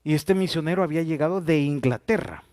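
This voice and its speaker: Pastor preaching, high-pitched man. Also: quick pace, a little mellow, no echo, studio quality. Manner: storytelling, addresses listeners as "hermano". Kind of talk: sermon.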